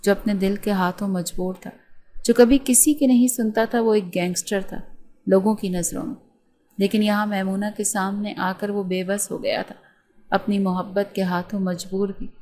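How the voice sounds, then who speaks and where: A woman storyteller reads a romance novel aloud at a steady pace, expressive but even. Her pitch sits in a middle range for a woman.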